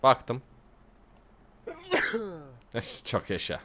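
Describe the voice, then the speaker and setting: A young man hosts a gaming video in casual let's-play style, joking, laughing a lot and reading lines aloud in translation. His voice is mid-range, bright and forceful, with huge pitch swings and an extremely slow delivery.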